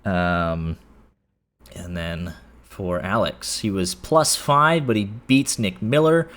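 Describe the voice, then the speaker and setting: A man's voice: sits low, takes it slowly, a bit bright. A man broadcasting post-race interviews with sim racing drivers, chatty and full of fillers. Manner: chatty, filler-heavy, stumbles and laughs.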